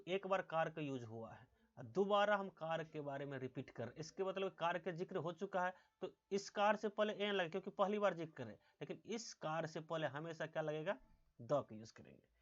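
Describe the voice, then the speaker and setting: A male English teacher giving a grammar lesson, asking quiz questions and answering them himself, repeating key words slowly. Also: high-pitched. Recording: dull lo-fi sound.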